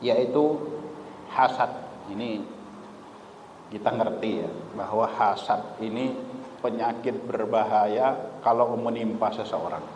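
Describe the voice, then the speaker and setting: A male Islamic preacher giving a sermon with lively, humorous storytelling and emphatic rises. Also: on the low side, slow pace, pauses often. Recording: echoey hall, faint ambient noise.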